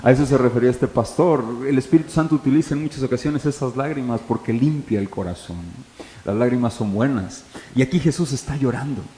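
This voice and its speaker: A man's voice: medium pitch, fairly quick, mellow, slight background noise. A pastor preaches in an easy, conversational way, often turning to his congregation with questions. His voice carries a long reverb through a roomy church hall. A faint ambience sits beneath him. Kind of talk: sermon.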